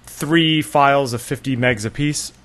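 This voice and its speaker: A man's voice: mid-range voice, a little slow, a bit bright. A middle-aged man co-hosting a podcast, rambling in loose casual chat and swearing offhandedly.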